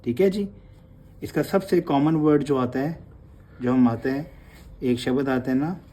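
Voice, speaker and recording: A man teaching a Gurmukhi class, patiently repeating each letter sound slowly for his learners and mixing in English words. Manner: opens with soft, low devotional recitation. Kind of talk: online class lesson.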